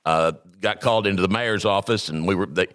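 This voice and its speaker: A man who works as a food supplier, telling a story in a folksy, meandering way as a podcast guest. His voice is slightly low, with faint noise in the background. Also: brisk, a bit bright.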